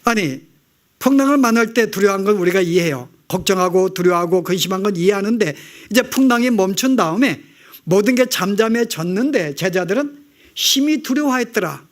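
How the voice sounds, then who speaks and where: A male pastor with a high voice preaches a sermon. He keeps turning to the congregation with rhetorical questions, then slips into the voices of anxious believers praying. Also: lively intonation, brisk. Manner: rhetorical questions to the congregation, acting out quoted prayers.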